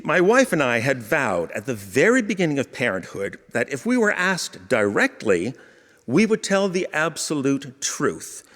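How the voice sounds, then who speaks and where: A man's voice: mid-range voice, a bit bright. A man telling a humorous personal story in a wry, playful manner, in a reverberant hall.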